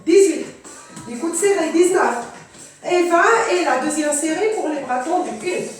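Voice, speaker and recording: A very high-voiced woman coaches a fitness class with energetic encouragement. She counts out repetitions at an unhurried pace between short cues. Her voice rings through a very echoey room, with music playing. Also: distant mic. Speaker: aerobics instructor leading a class.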